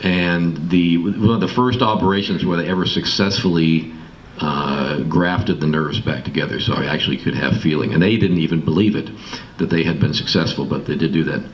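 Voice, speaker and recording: A middle-aged man from Massachusetts with an American accent tells listeners his life story as a guest speaker, in an informal, halting, reflective manner. His voice rumbles low. The mic is distant, and the room recording is clearly noisy.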